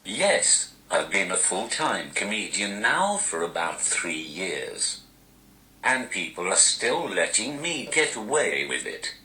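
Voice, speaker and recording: The voice is synthetic: posh, robotic, very low in setting but wide-ranging in pitch, sounding bright and hard within a roomy, echoing space. A male stand-up comedian from Newcastle, England, is typing interview answers into it, with a slow, deadpan delivery and dry self-mockery.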